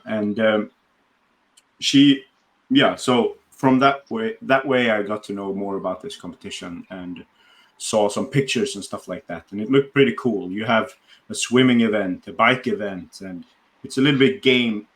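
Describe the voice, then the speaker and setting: A man's voice: lowish voice, a little slow, fairly bright tone. A man from Sweden, hosting a casual interview podcast and talking with many fillers and restarts. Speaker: podcast host.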